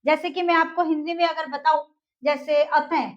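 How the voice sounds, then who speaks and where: High-voiced woman teaching. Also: steady tone, moderate pace, highs cut off. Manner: asks the class questions and repeats answers. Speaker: English teacher. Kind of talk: explaining a lesson step by step.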